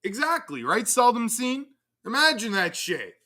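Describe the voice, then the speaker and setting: A man's voice: very high-pitched, very animated, moderate pace, pushed and bright. A man hosting a livestream, crudely and profanely mocking in a casual rant. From Canada. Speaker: livestream host.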